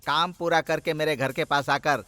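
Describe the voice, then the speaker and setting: Dub: bossy comic henchman, higher-pitched, bright, loud insults. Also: fairly even intonation, moderate pace, soft background music. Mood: scolding. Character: brash comic male henchman, bossy and scheming. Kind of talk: Hindi film dubbing.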